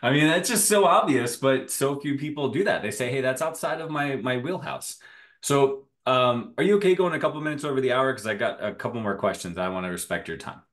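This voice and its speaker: A man's voice: medium pitch, animated, a little fast, a bit bright. A man hosting an interview, chatty and enthusiastic, who laughs often. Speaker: interview host. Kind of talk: conversational interview.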